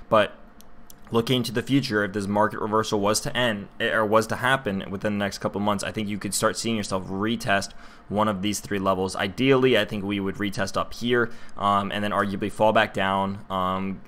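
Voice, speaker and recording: A man's voice: on the low side, a bit bright. A young man hosting a casual livestream of chart analysis, chatty with many fillers, talking to his viewers in chat. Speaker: crypto livestream host.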